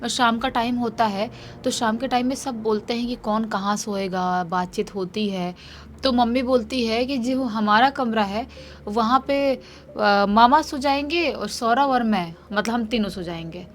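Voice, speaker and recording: A woman telling a real-life horror story in a lively, animated way. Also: on the high side, unhurried, slight background noise.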